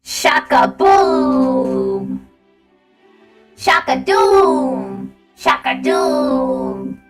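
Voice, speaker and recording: A woman doing a booming, slow robot voice in a drawn-out, loud chant while reading comics on a stream. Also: expressive, over music, exaggerated voice.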